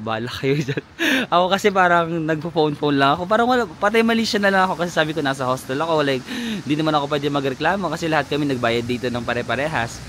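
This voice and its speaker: A man's voice: on the high side, slight background noise. Chatty man vlogging outdoors. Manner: chatty and animated, laughs often, mixes in English phrases. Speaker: travel vlogger. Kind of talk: casual travel vlog storytelling. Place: outdoors in a lakeside village.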